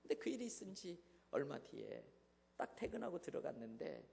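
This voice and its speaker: A man with a high, gravelly voice preaches a revival sermon, his pitch leaping up and down as he tells a story. His delivery swings between hushed asides and loud, dramatic bursts. The sound carries a long church-hall reverb. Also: very animated, brisk, slight background noise. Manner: dramatic, swings from hushed to shouting in acted quotes. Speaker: guest pastor at a revival meeting. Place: church sanctuary.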